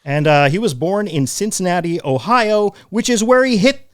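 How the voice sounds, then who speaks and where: A man's voice: high-pitched, expressive, normal speed, no echo, clean studio sound. Man laughing through sports trivia. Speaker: podcast co-host. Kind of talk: casual sports chat.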